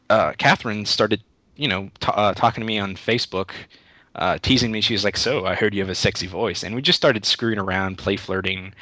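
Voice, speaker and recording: A young man, a YouTube Let's Play creator, is an interview guest, answering questions in a casual, rambling way and often restarting his sentences. His voice is fairly low, bright and forceful, and the recording is dry.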